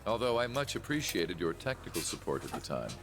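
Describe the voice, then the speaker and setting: A man voicing a composed, serious fighter in a video game, speaking in a formal, measured and businesslike way. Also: sits low, sing-song. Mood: calm, formal. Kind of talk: English video game voice acting.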